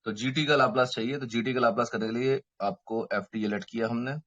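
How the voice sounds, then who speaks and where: A man's voice: medium pitch, fairly even intonation, quick pace, fairly bright tone, highs cut off. A man teaching a math lecture online, working through each step and checking in with his students, mixing English terms into his talk. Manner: mixes Hindi and English terms. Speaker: mathematics teacher. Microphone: microphone.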